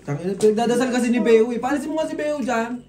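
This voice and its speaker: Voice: mid-range voice, quick pace, echoey room, far from the mic, noisy background. A card player with a Filipino accent, teasing and swearing freely in casual banter over a card game. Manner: teasing, swears freely, laughs while talking.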